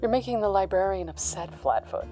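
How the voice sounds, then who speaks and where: A woman's voice: mid-range voice, expressive, a little fast, warm tone, faint music behind, lightly acted. A woman playing a cocky, teasing 1930s-style gangster boss in a noir audio drama, talking in sardonic old-time slang.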